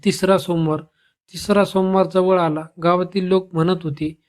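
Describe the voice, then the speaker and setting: A man narrating a scripted devotional story with a steady, even delivery. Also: sits high, moderate pace.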